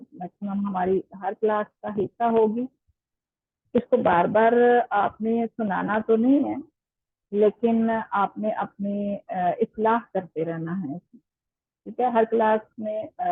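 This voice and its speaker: Husky-voiced woman teaching over a tinny line. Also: mid-range voice, no room sound. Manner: patient explaining with many pauses and fillers. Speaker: Quran recitation teacher. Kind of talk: online tajweed lesson.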